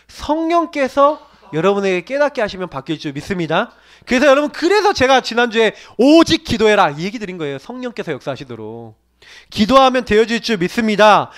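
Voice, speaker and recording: Male pastor, sermon delivery, high-pitched and highly animated, sudden loud-to-hushed shifts. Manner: quotes scripture in raised declaiming voice.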